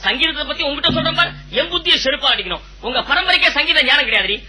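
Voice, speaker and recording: A man playing a broke music teacher and squabbling husband, full of quick punning comebacks, in a comedy audio drama. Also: very high voice, expressive, pushed and bright, full character voice, rough recording. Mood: bickering.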